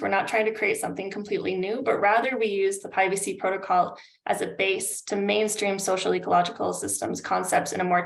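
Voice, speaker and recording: A Canadian-accented woman in her thirties, a consultant, gives an informal, friendly professional slide presentation as a webinar over a video call. Her mid-range voice is creaky, and the video-call audio sounds roomy, from an indoor room.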